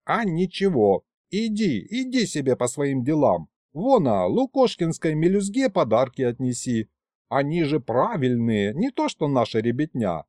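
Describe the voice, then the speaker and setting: Man putting on a grumbly old village grandpa, folksy talk, raised lively pitch, dark tone, storybook. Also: a little slow, no echo, studio quality. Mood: grumbling. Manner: rustic folksy speech, grumbling.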